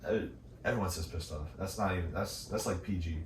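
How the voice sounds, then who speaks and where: Excitable man in an echoey room. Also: deep voice, a little fast, slight background noise. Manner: excitable, laughs while telling stories. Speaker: co-host. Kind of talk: casual reaction chat. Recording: echoey room, distant mic, music behind.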